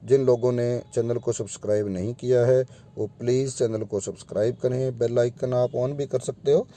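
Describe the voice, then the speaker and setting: A man's voice: medium pitch, steady tone, normal speed, warm tone. A man teaching English pronunciation in a video lesson, spelling out vowel sounds one by one and addressing his students directly.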